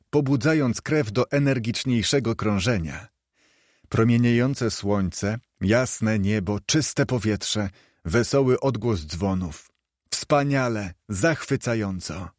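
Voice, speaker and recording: A man reading an audiobook aloud in a lively, expressive way. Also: medium pitch, slow pace, dry recording, clean studio sound. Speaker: audiobook narrator. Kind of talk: scripted narration.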